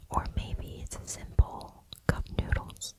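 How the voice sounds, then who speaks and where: A woman giving a gentle, reassuring pep talk in an ASMR whisper, close to the microphone. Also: slow. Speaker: ASMR host.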